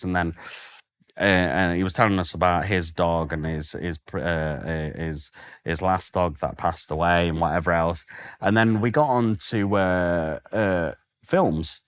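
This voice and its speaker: A man's voice: low voice, moderate pace, dry recording. A man co-hosting a podcast in casual chat, a jokey, rambling storyteller. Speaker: podcast co-host.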